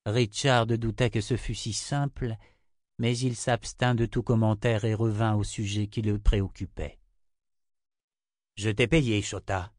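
A man's voice: fairly low pitch, measured pace, no echo. Man narrating a fantasy audiobook, dry sound. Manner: steady, even storytelling. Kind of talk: scripted narration.

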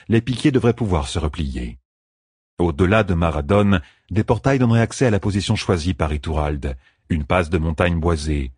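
A man narrating an audiobook with a measured, expressive reading. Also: sits low, breathy edge, dry recording, clean studio sound.

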